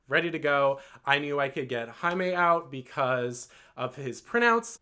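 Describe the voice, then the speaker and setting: Man, slightly higher voice, rambling storytime vlog, earnest, lots of fillers. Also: bright, forceful tone. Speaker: vlogger.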